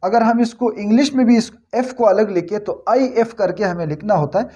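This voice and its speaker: High-voiced man teaching grammar. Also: warm tone. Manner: patient, repeats points, checks understanding. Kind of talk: explaining a grammar lesson.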